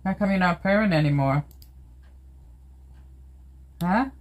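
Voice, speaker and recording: A woman's voice: on the low side, slow pace. An older woman from Canada talking casually into her phone while filming, chatting to her cat and her viewers. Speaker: vlogger. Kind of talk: casual everyday vlog. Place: home indoors, then outdoors in snow and in a vehicle. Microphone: handheld phone.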